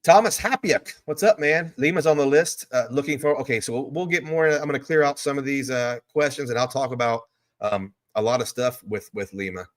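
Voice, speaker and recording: Speaking fairly quickly in a mid-range voice, a man hosts a casual live stream in a hotel room. He rambles in an easygoing manner and answers questions from his viewers.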